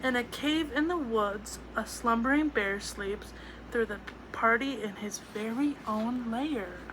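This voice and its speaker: A woman reading a picture book aloud to children, playful and expressive with little asides to her listeners. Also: a little high, takes it slowly, background noise. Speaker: storyteller.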